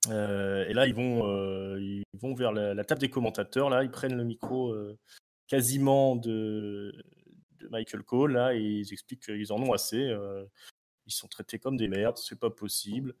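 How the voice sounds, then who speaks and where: A man's voice: fairly low pitch, fairly even intonation, moderate pace, a little mellow. A man co-hosting a wrestling podcast, casually recapping a match with lots of hesitations and fillers. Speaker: podcast co-host.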